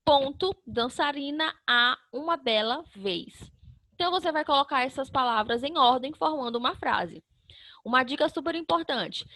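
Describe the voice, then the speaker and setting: A high-pitched woman teaches young children in a recorded online lesson. She walks through each step patiently, sounding out syllables one by one and answering her own questions. The sound is dry and close, with no room echo. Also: pushed and bright. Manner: asks the class questions and answers them herself.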